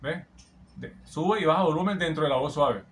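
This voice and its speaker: A man with a slightly high voice speaks at a normal pace as a vocal coach reacting to a singer, with the song playing softly behind him. He breaks down the singing technique admiringly and in detail, often singing snippets back.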